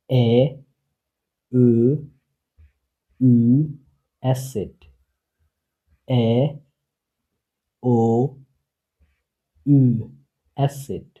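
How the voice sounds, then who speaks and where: A man teaching a beginner German class, slowly and patiently repeating each sound for his students to practice. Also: medium pitch. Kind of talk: online language lesson. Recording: husky voice over a tinny phone-like line.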